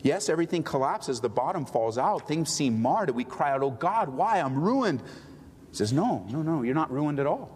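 A middle-aged male pastor preaching a sermon, swinging between loud pleading and quiet tender talk. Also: on the high side, expressive, normal speed, slightly rough, long reverb tail.

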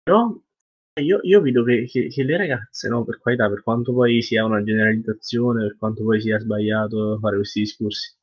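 A man's voice: on the low side, normal speed, slightly rough. A young man in a casual, conversational podcast chat with friends. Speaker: podcast co-host. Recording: dull lo-fi online call audio.

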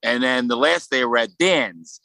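A man with a Brooklyn accent talking casually as a podcast guest, in a halting, rambling way full of "you know". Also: medium pitch, creaky, bright, forceful tone, dry recording, low-quality recording. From Brooklyn, New York. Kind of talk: casual conversational interview.

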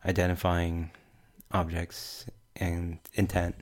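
This panelist on a tech podcast talks with a broad Kiwi accent. His voice is low and very flat. The conversation is casual, and he sounds measured and halting while working out what he wants to say.

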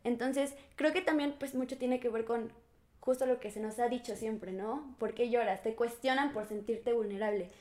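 Soft-spoken Mexican woman, higher voice. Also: moderate pace. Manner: reflective, soft-spoken, many fillers. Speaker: podcast co-host. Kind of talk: casual chat.

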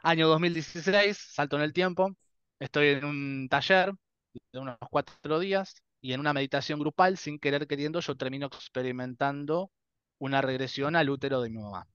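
A man's voice: a little high, moderate pace, a bit bright, smooth, dry recording, muffled recording. A man in his thirties with a Rioplatense Spanish accent, telling his story as a guest in a casual interview, acting out dialogues and laughing often. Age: 30s.

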